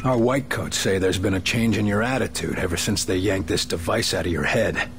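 An actor playing a stern, hard-bitten field agent in a video game, terse and commanding. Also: male voice, low voice, brisk, fairly bright tone, soft background music. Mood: hard, interrogating. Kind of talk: video game cutscene acting.

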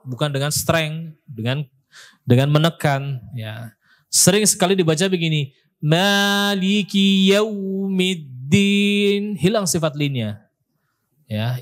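A male Quran teacher giving a tajweed lesson, patiently repeating syllables to show the correct pronunciation and often ending phrases with "ya". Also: on the high side. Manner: ends phrases with a questioning "ya". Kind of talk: tajweed lesson with spoken demonstrations.

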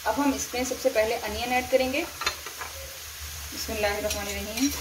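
A woman and mother giving a calm, step-by-step home cooking demonstration at her kitchen stove, talking to her viewers as she cooks. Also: on the high side, fairly quick, background noise. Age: adult, mother of a young son. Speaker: cooking vlogger. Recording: frying sizzle behind the voice. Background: frying and stirring in a wok.

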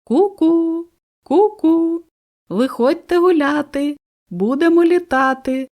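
A woman's voice: extremely high pitch, takes it slowly, a little mellow, pitched above the performer's own voice. A woman voicing a carefree, flighty female cuckoo in a storybook, with a sing-song, mocking manner. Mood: teasing.

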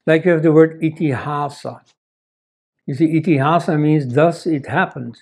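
An older Belgian man, a native Dutch speaker, sits at a desk in an indoor office and gives a conversational, lecture-style talk sprinkled with "you see." His voice is medium-pitched and a little mellow.

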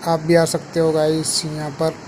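A young man giving a casual travel vlog at a waterfall, talking excitedly and calling his viewers "guys". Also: fairly high pitch, normal speed. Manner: excited tour-guide patter, repeats "guys". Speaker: vlogger. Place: outdoors at a waterfall viewpoint. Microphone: phone camera. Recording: phone video with outdoor noise.

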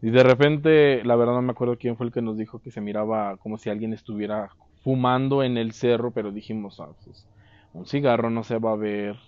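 Seated in a dark room, a man with a Mexican accent casually recounts a memory as an eyewitness interviewee, trailing off between phrases into a lapel mic. His mid-range voice is steady and brisk, and the lo-fi recording has no room sound.

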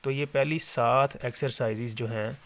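Slow gravelly male teacher dictating spellings. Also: medium pitch, fairly even intonation. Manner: slow, repetitive dictation, repeating each word several times. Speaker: English teacher. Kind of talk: spelling lesson, dictating letter by letter.

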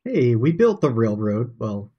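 A man's voice: mid-range voice, big pitch swings, a little slow, lo-fi sound, crowd noise. An American man chatting casually as a co-op guest player, laid-back, with brief dry replies. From United States. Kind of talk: casual co-op gameplay chat.

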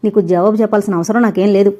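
A woman's voice: mid-range voice, steady tone, rapid-fire, dark tone, lightly acted. A woman doing a spiteful scolding mother-in-law. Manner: scolding, snapping. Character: bitter scolding older mother-in-law, spiteful and quick to snap.

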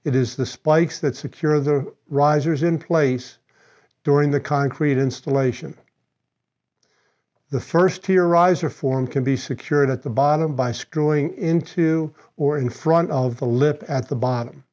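A man's voice: on the high side, unhurried. Older man giving a scripted product walkthrough. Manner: steady, instructional delivery. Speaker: company spokesman. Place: studio against a dark backdrop. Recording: slightly dull lo-fi sound.

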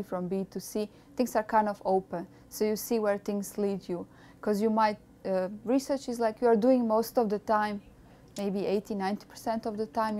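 A woman in her thirties from Croatia with a Croatian accent, a postdoctoral researcher speaking in a measured, thoughtful way with frequent hesitations, recorded on a lapel mic in a small lab office. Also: mid-range voice, a little mellow. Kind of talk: documentary interview.

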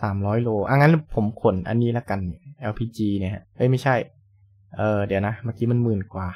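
A man's voice: lowish voice, quick pace, muffled recording. A young man casually commenting on a truck driving game, chatty and polite, thinking aloud as he plays, with game engine noise behind him. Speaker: gaming channel host.

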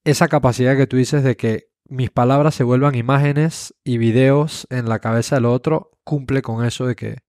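A man hosting a podcast interview, agreeing often and reflecting calmly on the guest's points. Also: mid-range voice, normal speed, few pauses, dry recording, studio quality. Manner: agreeable, reflective, frequent affirmations. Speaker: podcast host. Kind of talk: interview conversation.

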